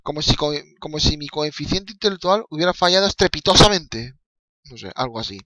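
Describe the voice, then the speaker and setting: A young man from the Canary Islands commentating his own football video game on a live stream, rambling and excitable with swearing and laughing asides. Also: on the high side, a little fast, no room sound.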